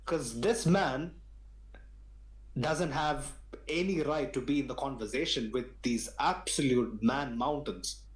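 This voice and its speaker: A man's voice: mid-range voice, slow pace, echoey room, rough recording. A man on a football fan podcast, ranting in an emphatic, slangy way. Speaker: podcast panelist. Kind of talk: heated football podcast talk.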